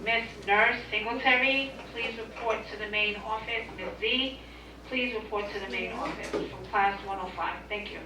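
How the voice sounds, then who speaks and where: A woman making a brisk, formal announcement that is heard over a school intercom loudspeaker in a classroom. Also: mid-range voice. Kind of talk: public address announcement. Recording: echoey distant loudspeaker, loud room noise.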